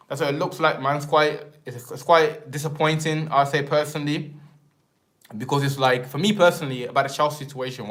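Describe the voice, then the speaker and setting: Young english guy on a live stream, slangy and rambly, mid-pitched voice. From England. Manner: rambling, slangy, repeats filler tags like "man" and "and that". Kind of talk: casual live-stream chat.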